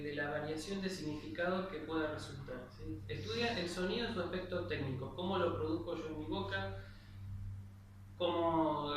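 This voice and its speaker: A man giving a spoken grammar lesson, explaining patiently and checking in with his listeners. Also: a little high. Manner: explanatory, with frequent "¿sí?" checks and restarts. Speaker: lecturer. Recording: very echoey, distant mic, faint noise.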